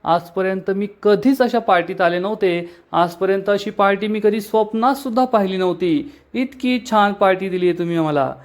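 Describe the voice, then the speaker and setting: Guy reading a tipsy young woman gushing at a party, plain voice, pitched a bit high. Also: brisk, hardly any pauses, natural voice. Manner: reads her quoted lines in his own narrating voice.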